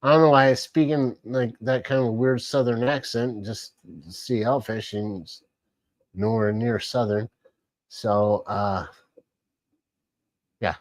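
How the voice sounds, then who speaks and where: A man's voice: mid-range voice, fairly even intonation, takes it slowly, pauses often, dry recording. A man casually hosting a live stream, rambling along and greeting chat viewers by name. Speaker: livestream host.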